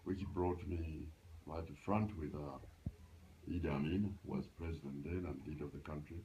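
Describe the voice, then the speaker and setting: Very deep-voiced man in his eighties. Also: highs cut off, a little hiss or hum. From Uganda. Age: 80s. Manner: halting, restarts often, animated when recalling. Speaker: interviewee, grandfather. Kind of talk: casual reminiscing interview. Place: grandparents' house, indoors.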